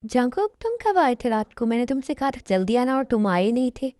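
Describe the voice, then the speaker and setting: A woman's voice: on the high side, very animated, fairly quick, background noise. A woman dubbing a middle-aged mother who scolds and presses her son, in an amateur dubbed love story. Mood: scolding.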